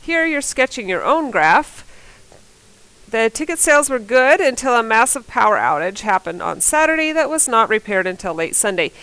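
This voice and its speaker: A woman's voice: on the high side, very animated, moderate pace, fairly bright tone, smooth, no room sound, low-quality recording. A woman teacher with a cold, working through math problems on a board in a casual, think-aloud way and correcting herself as she goes. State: fighting a cold. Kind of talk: recorded classroom lesson, working problems on a board.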